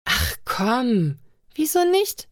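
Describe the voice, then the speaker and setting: A woman doing a high, mocking young starship woman. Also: wildly swooping pitch, drawn-out words, dry recording, studio quality, exaggerated voice. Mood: earnest.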